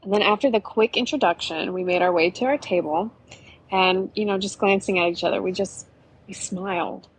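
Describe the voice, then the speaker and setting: A woman's voice: medium pitch, moderate pace, breathy edge, low-quality recording. A woman narrating an adventure story in a chatty, conversational way. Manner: chatty, with frequent "you know".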